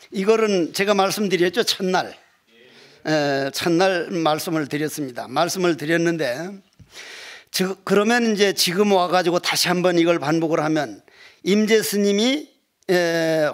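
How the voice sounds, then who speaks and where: Older male monk, high-ish voice, blunt and joking dharma lecture to a hall of monks. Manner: earthy, joking storytelling with dialect voices.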